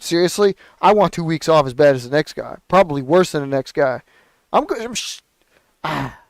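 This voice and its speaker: Hosting a podcast where he builds paper planes, a man with a fairly high, smooth voice goes off on a rambling, profane, exasperated rant in casual chat. The recording is dry.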